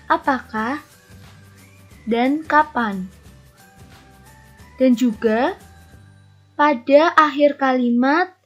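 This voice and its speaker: A woman primary school teacher giving an online lesson to young children, encouraging them and asking them to pay attention. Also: on the high side. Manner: encouraging, addresses children directly, tag "ya". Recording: lo-fi recording with faint music.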